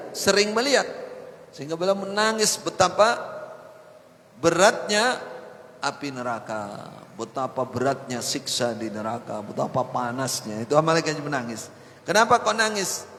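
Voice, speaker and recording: Man preaching in an echoing mosque. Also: medium pitch. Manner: animated storytelling, quoting Arabic. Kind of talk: mosque sermon. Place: mosque hall. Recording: long hall reverb, faint noise.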